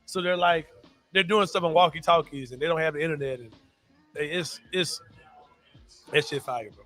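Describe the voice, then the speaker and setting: Bright-voiced, slangy male podcast host. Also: on the high side, normal speed, faint music behind. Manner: slangy, laughing, emphatic, says bro a lot. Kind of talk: casual sports and pop culture chat.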